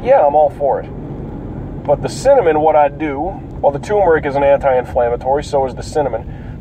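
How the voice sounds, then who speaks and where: A man congested with a cold, his voice cracking and wavering in tone, rambling casually and profanely as a solo podcast host, halting and clearing his throat. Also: a little high. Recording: dull, distant mic, loud vehicle noise.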